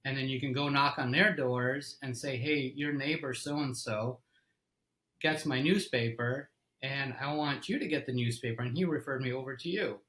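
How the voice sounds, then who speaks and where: A middle-aged man from Egypt, a company CEO, telling his story as an interview guest in a relaxed way, with fillers and restarts. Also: medium pitch, moderate pace, low-quality recording.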